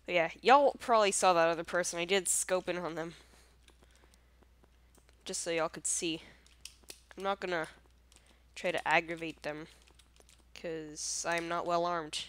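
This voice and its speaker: A woman's voice: fairly low pitch, steady tone, unhurried, long pauses, a bit bright, clean tone. Congested nasal woman narrating gameplay. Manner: chatty, easily surprised, self-deprecating. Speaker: gameplay commentator. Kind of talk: casual gameplay commentary.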